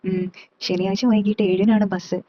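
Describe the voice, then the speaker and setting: A woman's voice: medium pitch, flat delivery, measured pace, warm tone, close to an everyday voice. A woman voicing a cheeky young man. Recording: slightly dull, dry recording.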